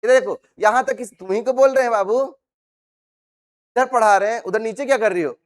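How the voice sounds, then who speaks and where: Man, high voice, classroom science lecture, call-and-response questions, teasing students. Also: fairly quick. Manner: repeats questions to the class and has students recite terms; calls students "babu", teasing and scolding them. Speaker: science teacher.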